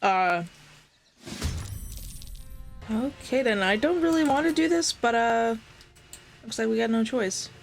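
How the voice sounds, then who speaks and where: Female let's play host: higher voice, informal, self-deprecating running commentary, faint game music underneath. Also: expressive, takes it slowly, vocal fry, long pauses. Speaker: gaming host.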